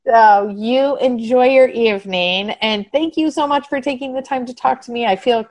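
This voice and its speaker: A woman's voice: on the high side, moderate pace, a little mellow. A woman hosting a podcast interview, chatty and upbeat, laughing often as she wraps up. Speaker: podcast host. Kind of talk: interview wrap-up chat.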